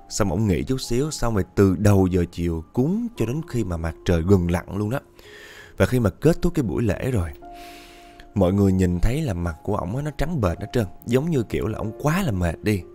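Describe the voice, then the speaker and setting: A low-voiced man with a Southern Vietnamese accent tells a ghost story. His pitch swings widely, and he keeps talking straight to his listeners. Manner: animated, addresses listeners directly. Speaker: podcast storyteller.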